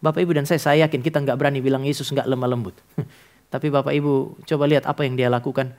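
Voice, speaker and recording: A man's voice: mid-range voice, little pitch movement, fast talker, a little mellow. A man preaching a sermon as pastor of a church, speaking directly to the congregation and telling stories with acted-out dialogue.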